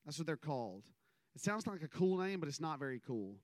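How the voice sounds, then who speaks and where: A man's voice: on the high side, sing-song, a little fast, no echo. A man, giving a casual, rambling sermon full of stories and self-deprecating asides. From American South. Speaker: minister.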